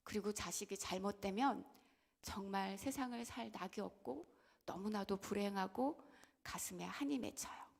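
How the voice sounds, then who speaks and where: A young adult woman pastor preaching a sermon in a church, swinging between loud, impassioned outbursts and hushed whispers, asking her listeners questions directly. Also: mid-range voice, moderate pace, vocal fry. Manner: asks the congregation questions directly.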